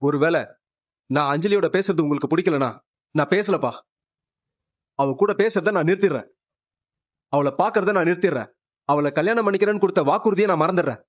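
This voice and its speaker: An actor voicing an anguished young husband, pleading and close to tears, with a high voice. The sound is close and dry. It is dull and muffled, like audio taken from a TV serial. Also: male voice, brisk, long pauses, no echo, close to an everyday voice. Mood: bitter. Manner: pleading, breaking into sobs. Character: grown son refusing his estranged wife, anguished. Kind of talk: Tamil serial drama.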